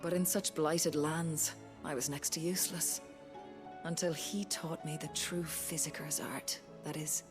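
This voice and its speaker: An actress playing a weary, grieving young woman healer who speaks quietly and steadily in a game scene. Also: low voice, steady tone. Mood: somber. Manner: quiet, measured, somber. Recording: game audio with clear music behind.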